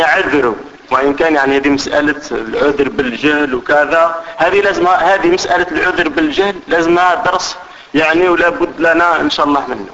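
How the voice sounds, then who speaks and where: A man's voice: on the high side, pushed and bright, muffled recording. A man with an Algerian Arabic accent giving a religious lesson, explaining carefully, repeating his points and checking that listeners understand. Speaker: religious teacher.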